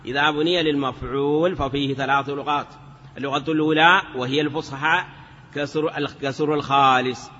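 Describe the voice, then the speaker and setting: A man's voice: on the high side, steady tone, a little fast, bright, forceful tone, in a large hall, lo-fi sound. A man teaching Arabic grammar in a patient classroom lecture, repeating examples and chanting some in a sing-song lilt.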